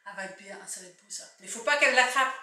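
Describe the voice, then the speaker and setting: A woman's voice: fairly high pitch, very fast, bright, forceful tone. A woman in her fifties with a Picard French accent, chatting casually through a shopping haul and rambling, often restarting her sentences. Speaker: vlogger. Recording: echoey room, distant mic, faint noise.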